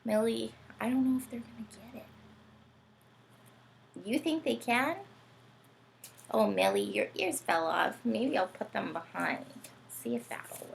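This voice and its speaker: A children's read-aloud host reads and chats playfully to young children in a sing-song, animated way, often asking them questions. Her voice is fairly high and gravelly, a little slow with long pauses, and there's a little hiss or hum.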